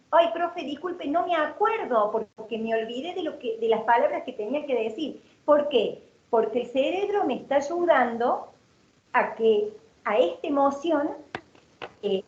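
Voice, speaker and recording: High-pitched woman w/ explaining stuff in a workshop, lots of rhetorical questions, roomy dull lo-fi sound. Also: darkish tone. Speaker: workshop speaker. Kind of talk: educational workshop talk.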